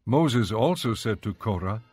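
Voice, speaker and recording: A man narrating scripture in an even, measured storytelling manner, with faint music behind. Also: on the low side, husky, no room sound.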